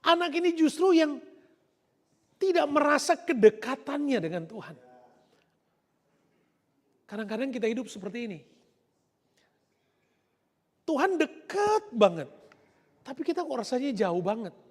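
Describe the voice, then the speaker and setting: Male pastor, high and very expressive preaching voice, soft then loud emphasis, reverberant church hall. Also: moderate pace, pauses often. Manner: animated preaching, swinging between soft asides and loud emphatic lines. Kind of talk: live-streamed church sermon.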